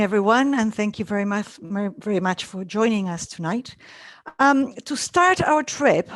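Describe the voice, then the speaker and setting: A woman's voice: medium pitch, no echo. A woman from Chile with a Chilean Spanish accent, giving an informal online travel presentation with many fillers and restarts.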